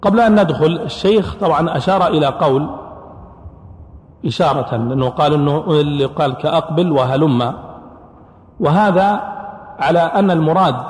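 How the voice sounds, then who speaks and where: Male scholar, lecturing voice slightly high for a man, asks and answers his own questions; echoey hall. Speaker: Islamic scholar teaching Quran sciences. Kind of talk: classroom lecture.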